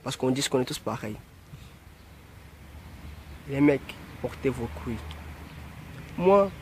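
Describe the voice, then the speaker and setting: A man's voice: medium pitch, lively intonation, takes it slowly, slight background noise. A young man from Marseille giving a rambling, preachy message to his followers, often stopping to say "you see" and "anyway". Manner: rambling, preachy, repeats "tu vois" and "bref". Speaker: music producer addressing his followers. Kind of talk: casual direct-to-camera message.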